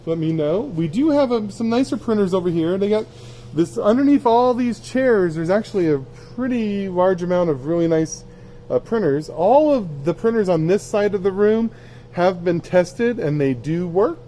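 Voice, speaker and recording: A man's voice: high-pitched, expressive, moderate pace, mellow, slight background noise. A plain-spoken man giving a casual, off-the-cuff sales tour of stock while walking through a warehouse. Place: indoors in a cluttered warehouse, walking.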